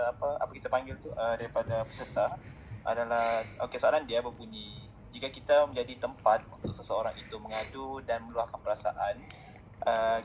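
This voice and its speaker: A man's voice: medium pitch, a little hiss or hum, poor audio. Hesitant male moderator. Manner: hesitant, reading out questions with fillers.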